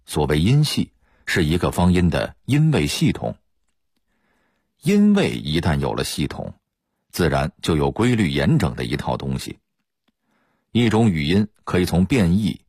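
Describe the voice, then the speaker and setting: A man's voice: rumbling low, a little mellow, husky, no room sound, studio quality. A man giving an explanatory radio talk as presenter, lecturing and demonstrating dialect pronunciations.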